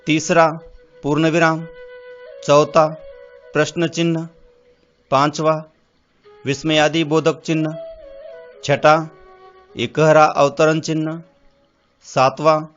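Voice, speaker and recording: Slow, deliberate male teacher. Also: mid-range voice, a bit bright. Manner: slow and deliberate, spelling out lists item by item. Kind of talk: slow classroom lesson explanation. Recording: dull lo-fi sound with faint music.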